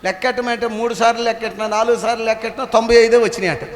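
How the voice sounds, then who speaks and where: A man's voice: very high-pitched, very fast. A man pastor preaching a sermon in a church hall, telling humorous stories and calling on the congregation to answer him aloud. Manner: calls on the congregation to answer aloud, animated and playful. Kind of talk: Telugu sermon with humorous storytelling. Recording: echoey hall with long reverb.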